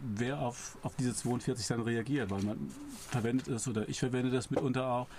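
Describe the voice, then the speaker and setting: A man's voice: mid-range voice, steady tone, fairly quick. A male radio co-host chatting casually, rambling with restarts. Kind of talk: casual studio chat.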